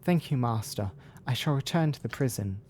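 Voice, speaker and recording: A man's voice: mid-range voice, expressive, moderate pace, darkish tone, a little hiss or hum, lightly acted. A man voicing an obedient, anxious servant in a fantasy game, speaking deferentially to a master.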